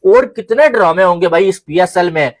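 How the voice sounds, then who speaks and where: A man's voice: high voice, expressive, normal speed. Exasperated Pakistani Urdu-speaking man. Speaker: cricket commentator.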